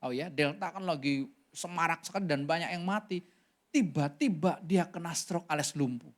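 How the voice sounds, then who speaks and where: A male pastor preaching a sermon, telling a story animatedly with sudden jumps in pitch and often calling out to the congregation. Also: normal speed. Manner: keeps addressing the congregation directly.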